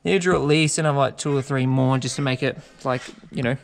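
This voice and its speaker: A man's voice: mid-range voice, steady tone, fast, creaky, background noise. A man chatting casually as a car build vlogger, laid-back, sweary and full of slang. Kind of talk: casual chat.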